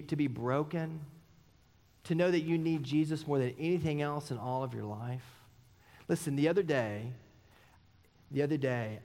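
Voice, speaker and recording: Male pastor, thirties, earnest sermon, rhetorical questions, animated pitch, long church reverb. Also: creaky. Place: church sanctuary.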